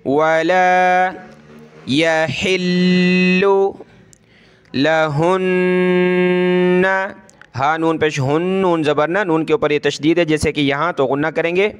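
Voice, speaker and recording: A man teaching Quran reading, spelling each syllable by its letters and vowel marks, then reciting the word slowly, with brisk explanations in between. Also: on the high side, steady tone, clean tone. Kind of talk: step-by-step Quran reading lesson.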